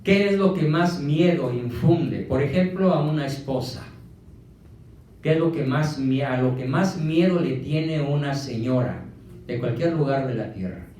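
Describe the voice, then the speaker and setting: A man's voice: on the high side, unhurried, mellow. Emphatic Mexican man lecturing in echoey room. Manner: emphatic, fires rhetorical questions. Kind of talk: motivational lecture to an audience. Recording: echoey room from a distant mic.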